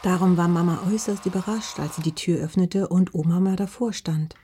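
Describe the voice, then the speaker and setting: A woman with a husky voice narrating a children's story in a calm, gentle manner. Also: fairly low pitch, brisk, a little hiss or hum.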